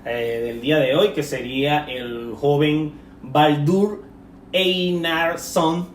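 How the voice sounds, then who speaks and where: A man co-hosting a relaxed film-chat podcast, wandering through his points and stumbling over words. He sits back from the microphone in an echoey room. A faint hiss runs under his voice. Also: medium pitch, slow, far from the mic. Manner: rambling, self-correcting, laughs often. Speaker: podcast co-host. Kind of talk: casual film-discussion podcast.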